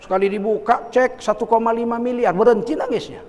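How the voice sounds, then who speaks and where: A man giving a humorous sermon, telling stories and bursting into emphatic shouts. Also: very high-pitched, steady tone, a little fast, in a large hall. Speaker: Islamic preacher.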